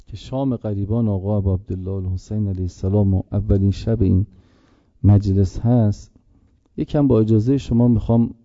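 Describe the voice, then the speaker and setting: A man preaching a religious sermon, impassioned, slowing into a chanting mourning lament, on a dull lo-fi recording. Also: on the low side, warm tone, dry recording. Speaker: preacher reciting a mourning elegy.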